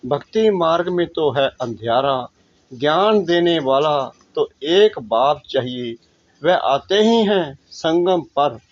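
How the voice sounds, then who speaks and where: A man delivers a devotional reading with a steady preaching cadence. He speaks very slowly, his voice sitting a little high for a man. The recording sounds dull and muffled. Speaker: spiritual reader. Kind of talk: slow devotional scripture reading.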